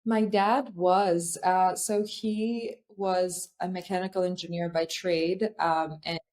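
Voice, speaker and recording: A woman's voice: lowish voice, steady tone, slow, darkish tone. A young woman from Albania, a founder, talking thoughtfully in a podcast interview with many fillers and restarts. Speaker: guest, startup founder.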